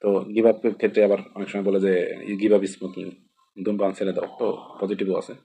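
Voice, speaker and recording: Brief: male exam tutor, Bangladeshi accent, husky low voice, rambling with repeats. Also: level tone, fairly quick, dark tone. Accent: Bangladeshi Bengali. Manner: rambling, repeats and spells out words, many fillers. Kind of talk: casual explanatory lesson.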